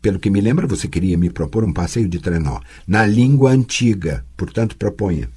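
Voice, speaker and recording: A man voicing a patient, teasing sorceress who tutors a girl, speaking calmly and gently chiding in an audiobook. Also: on the low side, fairly quick, breathy edge, voice pushed down. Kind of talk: audiobook character voice.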